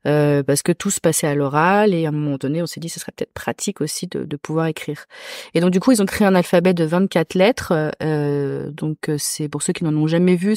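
A woman from Corsica, a podcast guest who reads runes, talking casually with many hesitant pauses. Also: low voice, darkish tone, no echo, clean studio sound. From Corsica, France. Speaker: podcast guest, rune reader. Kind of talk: casual chat.

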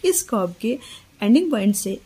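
A woman teacher walking young children through writing letters step by step, slowly and patiently, mixing English words into her speech. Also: medium pitch, big pitch swings, mellow, husky. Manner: slow, step-by-step explaining with Hindi-English code-mixing. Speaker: play school teacher. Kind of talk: handwriting lesson for young children.

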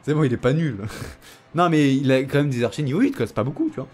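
A man's voice: mid-range voice, lively intonation, brisk, a little mellow. A young man commenting casually on his own gameplay, joking and teasing the viewer and his opponent. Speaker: gaming YouTuber. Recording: faint background noise.

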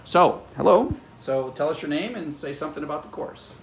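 A man's voice: a little high, expressive, brisk, vocal fry, slight background noise. A man in his sixties, an online course instructor, chatting casually to a phone held at arm's length in a small karaoke room. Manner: chatty, upbeat, frequent uh fillers. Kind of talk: casual video update. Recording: echoey room with music behind.

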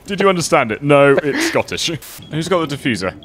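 A man's voice: fairly high pitch, a little fast. A man streaming a shooter game with friends, chatting casually and laughing at his own mistakes. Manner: giggly, self-mocking, lively. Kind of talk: casual gaming chat with friends.

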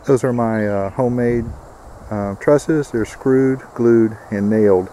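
This homesteader takes it slowly as he walks through a build outdoors, his mid-range voice warm and plainspoken. He explains each step casually, leaning on plenty of "uh" fillers, with slight noise in the background.

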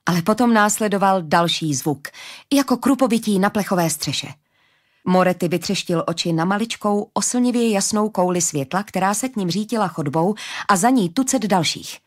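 A woman narrating a fantasy audiobook in a steady, even storytelling manner. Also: medium pitch.

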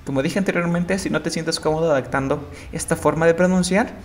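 A man teaching an English pronunciation lesson, explaining patiently and repeating example words slowly and with emphasis. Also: fairly high pitch.

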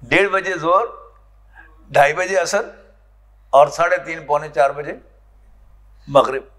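In a lecture hall, a Quran lecturer with a Pakistani Urdu accent explains scripture and keeps putting questions to his students. His voice is on the high side, slow, and a bit bright.

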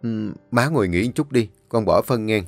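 A man's voice: fairly low pitch, lively intonation, normal speed, vocal fry, soft background music. Man voicing a scheming man, sweet-talking, snappish. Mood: sly.

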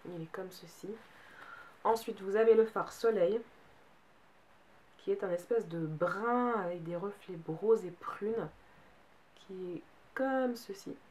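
A young adult woman, a beauty vlogger chatting casually, sounding a bit tired with a cold. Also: fairly low pitch. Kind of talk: casual haul chat. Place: bedroom, indoors. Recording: faint background noise.

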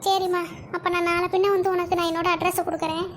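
A woman voicing a meek, tearful middle-aged aunt in a cartoon, speaking softly and submissively. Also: very high voice, flat delivery, a little hiss or hum. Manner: soft, slow, submissive.

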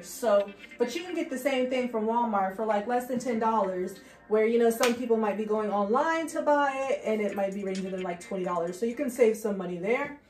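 A woman's voice: medium pitch, darkish tone. A young woman giving a casual walkthrough of her small home hair salon, talking to viewers with plenty of fillers. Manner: chatty, addresses viewers as guys, many fillers. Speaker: loctician giving a salon tour.

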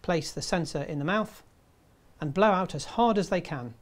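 A man in his fifties presenting a scripted tutorial in a measured, step-by-step way. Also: sits high, slight background noise. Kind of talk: scripted instructional narration.

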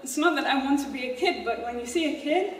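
Woman on stage, echoey hall from afar. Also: high voice. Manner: halting and informal, explains instructions slowly. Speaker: performance artist. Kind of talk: live performance addressing an audience. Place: stage in a hall before an audience. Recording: echoey hall recorded from far off.

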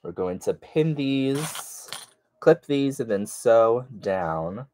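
A man's voice: mid-range voice, animated, drawn-out words, darkish tone. A man with a stuffy nose, chatting casually to viewers while he sews along. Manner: chatty, talks to viewers by name while working. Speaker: sewing vlogger. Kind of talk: casual sew-along chat.

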